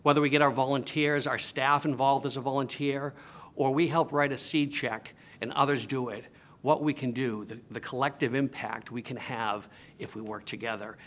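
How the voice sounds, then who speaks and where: A man's voice: mid-range voice, fairly even intonation, normal speed, a bit bright, a little hiss or hum. A man speaking off the cuff in an interview testimonial, earnest and emphatic about his points. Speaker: community foundation board vice chair.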